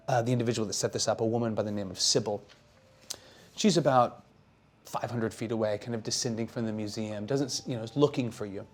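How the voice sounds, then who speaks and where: A man working as game master, improvising narration for a tabletop game in casual, descriptive, halting phrases. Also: medium pitch, a little mellow.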